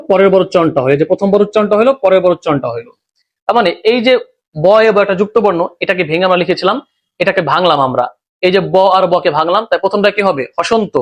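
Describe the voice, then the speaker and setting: A male teacher with a Bangladeshi Bengali accent, explaining a lesson step by step and asking and answering his own questions. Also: sits high. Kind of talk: recorded grammar lesson.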